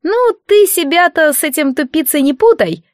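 A woman doing a cheeky child god, pitched high. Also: expressive, no room sound, clean studio sound. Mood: mocking. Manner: petulant, teasing, quick, grown-up under a child's voice. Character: cheeky shape-shifting child god, boyish, grumpy. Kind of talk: audiobook character voice.

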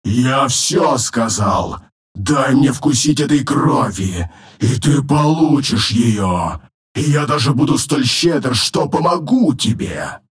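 A man voicing an arrogant, cruel male demon lord in an audiobook, his rough, rumbling voice thickened with a layered demonic effect. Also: animated, heavily acted. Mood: mocking menace. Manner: slow, menacing, commanding. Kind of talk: audiobook narration with voiced characters.

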